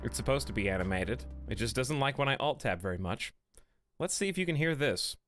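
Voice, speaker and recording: Despite having a cold, this man streams a game live from home, talking into a desk mic in a chatty way, saying hello to viewers and cracking jokes. He speaks a little fast in an animated, medium-pitched, fairly bright voice while game music plays faintly.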